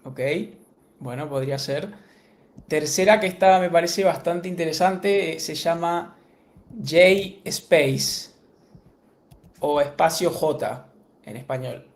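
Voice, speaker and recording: A man co-hosting a live-streamed podcast, giving brisk, relaxed answers in a word game. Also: a little high. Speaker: podcast co-host.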